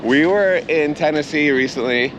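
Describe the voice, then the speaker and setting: An American man with a slightly high voice talks casually while running. He is outside on city streets, with clear traffic noise around him. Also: normal speed, dull audio. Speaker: running companion. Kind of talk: casual chat.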